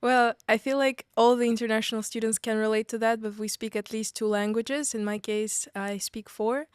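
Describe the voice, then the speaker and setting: A woman's voice: a little high, steady tone, normal speed, clear, resonant tone, no room sound, studio quality. A woman in her twenties from Kazakhstan, a student guest on a podcast, talking with enthusiasm. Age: 20s. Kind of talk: casual podcast chat.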